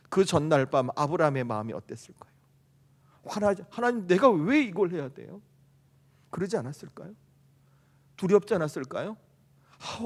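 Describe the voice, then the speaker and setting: A middle-aged male pastor preaching a sermon, asking rhetorical questions and rising to emphatic bursts. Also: a little high. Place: church sanctuary. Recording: long hall reverb.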